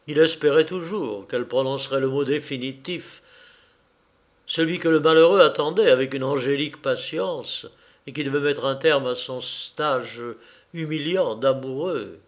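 A man narrating a novel in a measured, literary reading style. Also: medium pitch.

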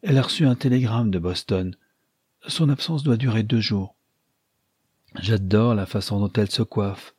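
A man's voice: lowish voice, normal speed, pauses often, a little mellow, husky, dry recording. A man voicing a chatty, flustered young woman who gushes giddily in an audiobook. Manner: gushing and giddy. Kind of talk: audiobook character voice.

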